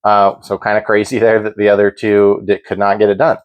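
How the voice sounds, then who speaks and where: A man's voice: lowish voice, completely flat delivery, a little fast, highs cut off. A man hosting a sports betting show, giving informal, opinionated commentary in a conversational way.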